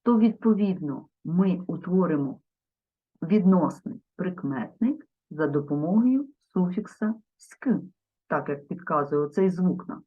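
A woman teaching a grammar lesson, spelling out word forms slowly and carefully and speaking directly to her viewers. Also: fairly low pitch, expressive, husky. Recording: dull lo-fi sound.

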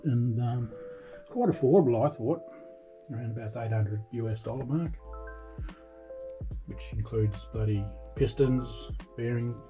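An older man with an Australian accent walks through a boat's engine room on his vlog, talking in a halting, rambling way full of ums and restarts, tired and frustrated. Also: mid-range voice, music in the background, low-quality recording. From Tasmania, Australia. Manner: weary and frustrated. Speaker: boat repair vlogger. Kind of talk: casual walkthrough vlog. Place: boat engine room, indoors.

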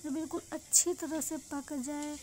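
Standing by the frying pan indoors, an Indian-accented woman who runs a cooking vlog chats repetitively through a demonstration for her viewers. She speaks at normal speed in a high-pitched, fairly even voice, recorded on a phone in a noisy kitchen.

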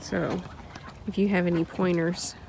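Slow-talking woman filming on a farm. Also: fairly low pitch, level tone. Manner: slow, unhurried, with many ums and restarts. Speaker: farm vlogger. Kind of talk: casual narration while filming. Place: outdoors in a farm poultry pen. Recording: outdoor phone audio with clear farm noise. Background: ducks quacking and chickens.

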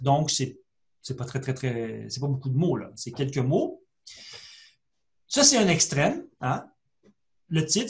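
A man, a librarian, talks through a screen-share tutorial in a conversational way, full of fillers and restarts. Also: fairly high pitch. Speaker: librarian giving a webinar.

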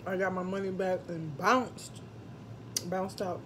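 A woman's voice: lowish voice, fairly even intonation, takes it slowly. A woman vlogger chatting casually to her viewers between bites, with her mouth partly full, calling them "y'all". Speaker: mukbang vlogger. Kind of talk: casual chat to camera while eating. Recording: noticeable background noise.

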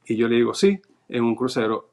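A man's voice: mid-range voice, lively intonation, fairly quick, darkish tone. A man from Venezuela, recounting events step by step in casual conversation. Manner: recounts events step by step, reading notes aloud. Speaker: interview guest. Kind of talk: casual storytelling.

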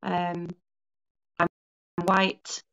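A Welsh woman in her forties talks as a podcast guest from her home lounge, telling her story at length with small restarts and self-corrections in a casual interview. Her lowish voice is gravelly yet a bit bright, clear and resonant, delivered completely flat and extremely slowly. The call audio is dull and lo-fi.

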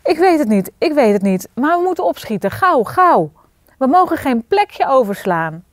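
A woman's voice: lively intonation, slow pace, fairly bright tone, no room sound, studio quality. Woman putting on a panicky young girl. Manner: breathless, high-pitched and urgent. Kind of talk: storybook reading.

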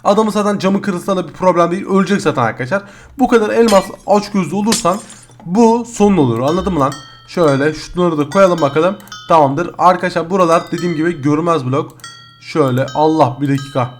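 A man's voice: on the high side, fast, soft background music. A man hosting a gaming video, talking casually through his gameplay and addressing the viewers as friends.

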